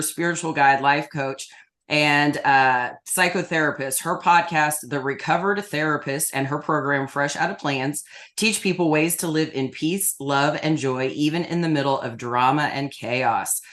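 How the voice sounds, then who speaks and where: A woman's voice: deep voice, a bit bright. A woman hosting an interview, reading her guest's introduction from a script in a friendly way. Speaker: podcast host.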